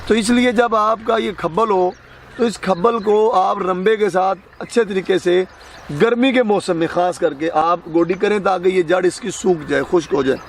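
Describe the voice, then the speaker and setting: A man's voice: sits high, slight background noise. A man with a Pakistani Punjabi accent, explaining crop care outdoors in an instructive, firmly corrective way. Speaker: farm expert guest. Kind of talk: explaining farming advice. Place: outdoors on a farm.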